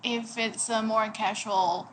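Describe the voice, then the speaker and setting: A woman in her twenties teaching a language lesson in a bright, chatty way, laughing at her own jokes. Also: a little high, steady tone, takes it slowly, slight background noise. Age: 20s. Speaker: Cantonese teacher.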